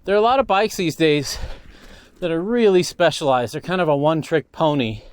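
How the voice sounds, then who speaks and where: A man's voice: fairly high pitch, fairly quick, smooth, dry recording. A man reviewing a mountain bike aloud while riding it on a desert trail, enthusiastic and now and then a little winded. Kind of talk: riding commentary.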